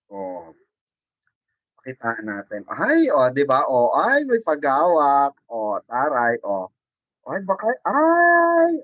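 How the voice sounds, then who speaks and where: A man's voice: on the high side, a bit bright, no room sound. A man hosting a teasing live gossip chat, reading viewer comments with frequent tag questions and playful sing-song remarks. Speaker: showbiz gossip vlogger. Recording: dull, muffled lo-fi sound.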